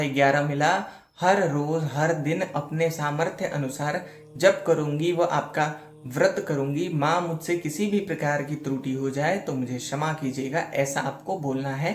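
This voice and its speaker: A man teaching a devotional practice in an echoey room, with faint music playing behind him. He chants mantras slowly and checks in with a short "okay" between steps. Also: a little high. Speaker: spiritual teacher. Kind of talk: devotional instruction.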